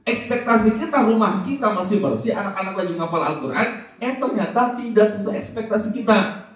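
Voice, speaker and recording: A man preaching a religious study talk to an audience, lively and acting out parents' voices, sometimes reciting Arabic verses slowly. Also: sits high. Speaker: Islamic preacher. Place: large hall before an audience. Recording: echoey hall, voice from far off.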